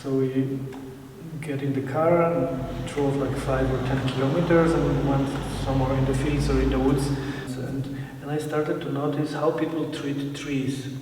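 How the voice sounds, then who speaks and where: A man's voice: mid-range voice, flat delivery, measured pace. A man from Poland with a Polish accent, a photographer talking in an interview, hesitant and full of fillers and restarts. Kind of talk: interview talk. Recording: echoey hall, distant mic, faint noise.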